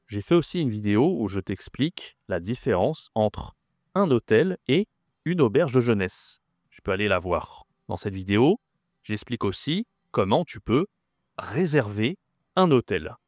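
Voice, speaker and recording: A man's voice: lowish voice, darkish tone, dry recording, clean studio sound. A man teaching French vocabulary. He is patient, repeats each word and often checks that the listener follows. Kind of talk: slow, clear vocabulary lesson.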